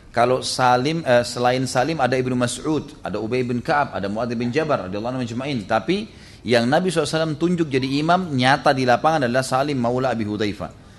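An Indonesian man delivers a religious lecture in a mid-pitched voice. He recites Arabic passages and then explains them to his listeners. He often turns to them for agreement as he goes. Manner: explains hadith, quotes Arabic then translates. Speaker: preacher.

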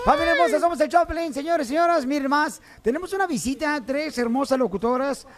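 A man with a Mexican accent hosting a live radio morning show, loud and teasing, shouting catchphrases and ribbing his guests. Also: very high-pitched, big pitch swings, fast talker, over loud music. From Jalisco, Mexico.

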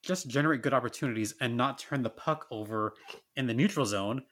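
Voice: medium pitch, brisk, fairly bright tone. A podcast guest analyzing hockey in a casual chat.

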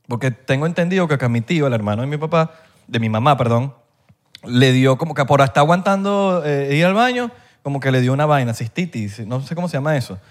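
A man's voice: mid-range voice, fast. A man with a Venezuelan accent chatting casually as a podcast co-host, telling slangy stories and acting out other people's voices. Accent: Venezuelan Spanish. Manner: animated storyteller who acts out other people's voices; slangy, swears freely. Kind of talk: casual chat.

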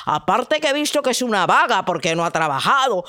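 An arrogant young prince , as a woman puts him on, lectures in a brusque, lecturing way. He talks loud and fast, with a dry close sound. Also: medium pitch, big pitch swings, no echo. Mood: scolding. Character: rude arrogant young prince scolding a maiden.

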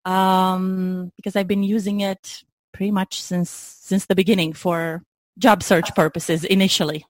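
A woman's voice: lowish voice, flat delivery, measured pace, no room sound. A woman, chatting as an interview guest, laughing easily and restarting her sentences. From Romania. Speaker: guest, LinkedIn branding consultant. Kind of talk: casual interview chat.

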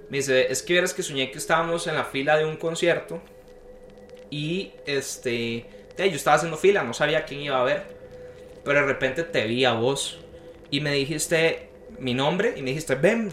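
Bright-voiced young man telling a dream story. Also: fairly high pitch, normal speed. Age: young adult. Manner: animated storyteller acting out quoted voices. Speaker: podcast guest. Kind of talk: casual storytelling chat. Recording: echoey room with faint noise.

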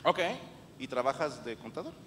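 A man's voice: mid-range voice, animated, normal speed. A man with a Mexican accent, a comedian interviewing audience members with teasing, crude banter at a live show. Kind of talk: crowd-work comedy interview. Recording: live venue reverb, audience noise.

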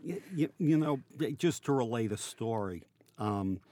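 An older man hosting a casual news chat, asking questions in a halting, conversational way. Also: mid-range voice, expressive, mellow. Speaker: podcast host.

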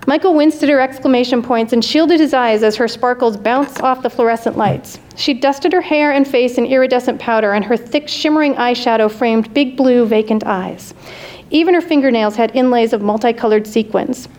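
A woman reading her own comic story aloud at a live reading, lively and amused. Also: a little high, moderate pace.

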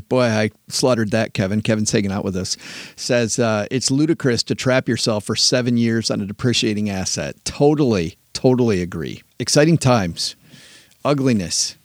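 A man co-hosts a personal finance chat, telling stories in a chatty, quick way that restarts and doubles back. His voice sits at an ordinary pitch and comes through dry and close to the mic. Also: dry recording. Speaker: podcast co-host. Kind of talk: casual chat.

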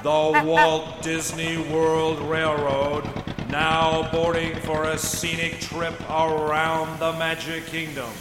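Announcer, man, slightly high voice, very slow over a loudspeaker intercom, long echo, vehicle rumble behind. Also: monotone. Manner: slow, drawn-out, formal delivery. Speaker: park announcer. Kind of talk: formal public announcement. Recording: echoey loudspeaker from far off, vehicle noise.

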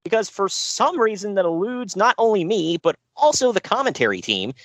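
Man, podcast co-host, lively pitch, dry close mic, sarcastic recap. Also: normal speed, no room sound. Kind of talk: casual chat.

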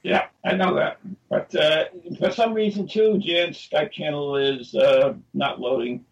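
A man's voice: fairly high pitch, steady tone, a little slow, gravelly, dull audio. A man chatting over a video call from a home office, with dry, teasing banter; his voice comes through echoey and distant. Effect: echoey, distant call audio. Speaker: podcast co-host.

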